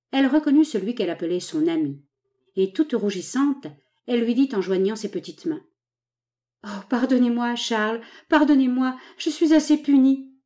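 A woman narrating a novel aloud with a measured, dramatic reading. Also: mid-range voice, mellow. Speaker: audiobook narrator.

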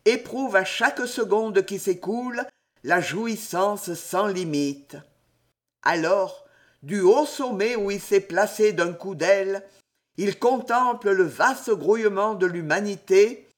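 A man reading a historical novel aloud as an audiobook, with theatrical delivery that he shifts for each character's dialogue. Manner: theatrical, sweeping pitch for dialogue. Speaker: audiobook reader. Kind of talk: expressive audiobook narration.

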